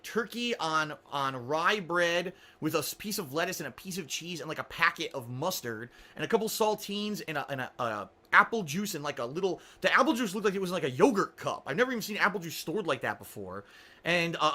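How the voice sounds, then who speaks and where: A man's voice: fairly high pitch, sharp tone. A man telling an exasperated, sarcastic story as a vlogger, swearing and acting out the people he quotes. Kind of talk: angry storytelling rant.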